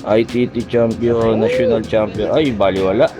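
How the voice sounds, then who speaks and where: A man's voice: on the low side, normal speed. A Filipino man giving casual, teasing live commentary as a vlog host, repeating short exclamations and questions. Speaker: vlog host filming athletes at a cold plunge challenge. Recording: loud music over the talk. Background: loud music.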